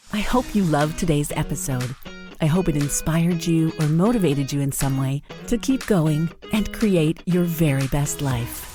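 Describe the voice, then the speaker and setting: A woman's voice: deep voice, animated, unhurried, mellow, soft background music. A woman hosting a podcast, affirming and friendly, with frequent small laughs. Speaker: podcast host. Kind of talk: podcast interview and outro.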